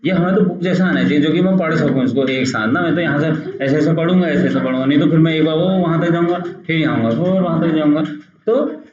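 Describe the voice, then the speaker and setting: A man teaches a beginners' computer lesson in a patient, repetitive way, pointing things out on screen. His voice sits a little high. The recording is roomy and dull, like a cheap mic in a bare room. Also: quick pace, a little mellow. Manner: patient, repeats "dekho" while pointing things out. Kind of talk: screen-recorded software tutorial.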